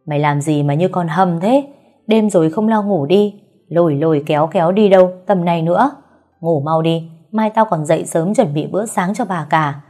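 A woman's voice: lowish voice, normal speed, warm tone, soft background music, lightly acted. A woman voicing an older nanny in an audio story, scolding and flustered. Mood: gruff. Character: older female nanny, gruff and evasive.

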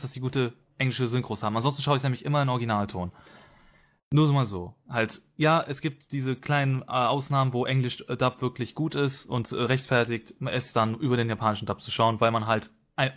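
Male podcast guest, mid-pitched, rapid-fire, blunt and profane in argument. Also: a bit bright. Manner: heated, blunt, heavy swearing. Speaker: podcast participant. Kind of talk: casual debate chat.

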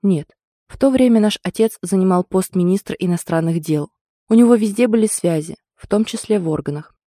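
A woman's voice: mid-range voice, brisk, mellow, no echo, studio quality, natural voice. A woman reading an audiobook, voicing a stern, protective older brother who barks firm orders. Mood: bitter.

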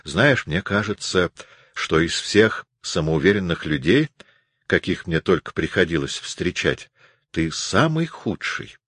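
A man voicing a sharp, defiant young woman in an audiobook, with indignant, mocking retorts. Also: low-pitched, animated, measured pace, breathy edge, no echo, studio quality, heavily acted. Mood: scornful. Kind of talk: audiobook reading.

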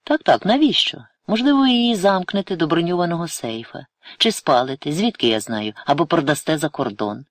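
A man's voice: a little high, expressive, brisk, dry recording, studio quality, pitched above the performer's own voice, lightly acted. A male reader voicing a menacing, pushy wealthy art collector who hisses his words in an audiobook. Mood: wheedling. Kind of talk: audiobook character voice.

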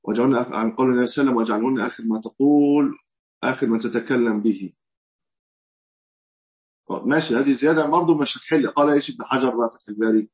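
A man's voice: mid-range voice, darkish tone, highs cut off. A man with an Egyptian Arabic accent giving a religious lesson, reasoning aloud and posing questions that he then answers himself. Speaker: Islamic scholar teaching hadith.

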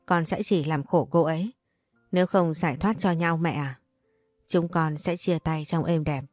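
A calm young husband who stays firm and quietly resolute, read by a woman in her own lowish voice. The recording is dry and close, with faint music underneath. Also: moderate pace, no echo, close to an everyday voice.

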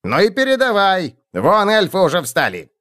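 A man voicing a shrewd, sharp-tongued male goblin who mocks and explains. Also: high voice, wildly swooping pitch, voice pushed up, heavily acted. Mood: mocking. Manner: mocking, quick retorts.

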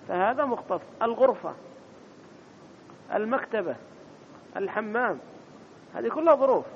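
A man giving a grammar lesson in a mosque, repeating key terms and quizzing his listeners with short questions. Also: gravelly. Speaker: teacher of Arabic grammar. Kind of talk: classroom lecture explaining grammar. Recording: dull lo-fi recording with faint rumble.

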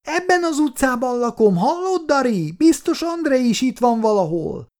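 Guy doing a little girl's voice, high and bouncy, storybook reading. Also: very animated. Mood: childlike eager. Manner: high childlike voice, bright and eager. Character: little girl, eager, chatty, grieving.

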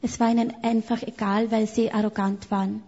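Woman interpreting a sermon, flat and steady. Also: on the high side, brisk, husky. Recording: echoey hall, dull sound.

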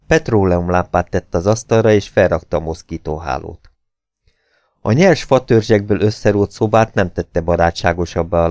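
A man narrating an audiobook in a steady, measured reading. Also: deep voice, dry recording, clean studio sound. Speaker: audiobook reader.

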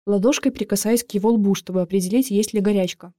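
Mellow-voiced woman narrating an audiobook. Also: mid-range voice, fast, no room sound, clean studio sound. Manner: lively, expressive first-person telling. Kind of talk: first-person audiobook narration.

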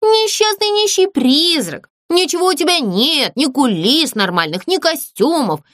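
Woman putting on a squeaky, bossy toy girl for a storybook, very dry close sound. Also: sing-song, normal speed, a bit bright, no echo. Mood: teasing. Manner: squealing, teasing, very high. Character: shrill bossy boastful girl doll.

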